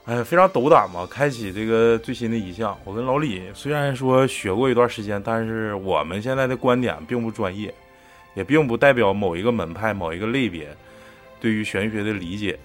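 A man's voice: lowish voice, brisk, soft background music. A man with a Northeastern Chinese accent hosting a casual podcast chat, joking in an earthy, profane way. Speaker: podcast host. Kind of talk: casual chat with bantering commentary.

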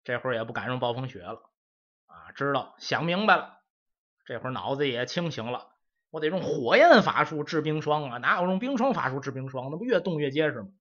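A man's voice: mid-range voice, expressive, fairly quick, fairly bright tone. A man telling a comic story in a chatty oral style, with asides to the listeners. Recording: dull lo-fi audio.

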